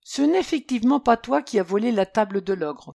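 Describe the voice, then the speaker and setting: A woman voicing a clever young male detective prince in a storybook reading, calm and inquisitive. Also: on the high side, fairly quick, vocal fry, no echo, studio quality.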